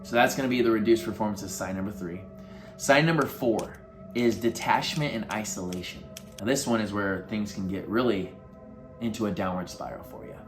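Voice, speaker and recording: A man with a fairly low voice speaks as a life coach, offering earnest, motivational advice in a loose, casual manner. He leans on fillers as he talks straight to the viewer. Faint music plays behind him. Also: fairly quick. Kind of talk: motivational advice talk to camera.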